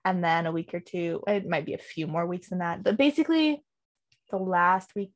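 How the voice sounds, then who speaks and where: A woman hosts a casual podcast about hockey news, chatting with plenty of fillers and laughter. Her voice is on the low side and her pace moderate.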